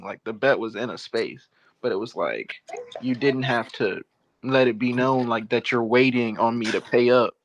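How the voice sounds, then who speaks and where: A man telling a sports bet story with slang and laughter in casual chat. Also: mid-range voice. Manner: animated storytelling, slangy, laughs while talking. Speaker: podcast host.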